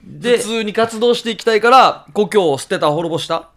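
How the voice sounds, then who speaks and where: A woman's voice: medium pitch, lively intonation, a little fast. A woman on a radio show, thinking aloud and asking questions to crack a riddle. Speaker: radio co-host guessing a riddle. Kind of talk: casual radio chat.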